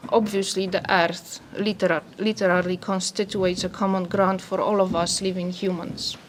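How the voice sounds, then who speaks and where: A woman from Poland with a Polish accent, an anthropologist speaking softly and carefully as she reads a prepared talk. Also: on the low side, level tone, normal speed, slight background noise. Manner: soft-spoken, careful reading.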